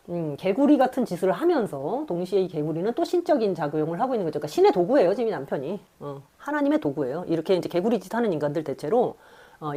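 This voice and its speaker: A woman giving a spirited lecture on Jungian psychology, telling her own story and acting out inner voices as she goes. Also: medium pitch. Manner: animated, acts out inner voices and quotes. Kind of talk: spirited lecture with personal stories.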